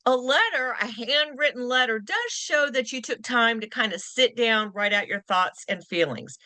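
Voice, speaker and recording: A woman with a high, animated voice leads a real estate training session. Her tone is bright and crisp, and she dips and slows to stress key points. The recording is dry and close with little room sound. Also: dry recording. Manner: lively, acts out quoted lines in varied voices. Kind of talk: continuing education class talk.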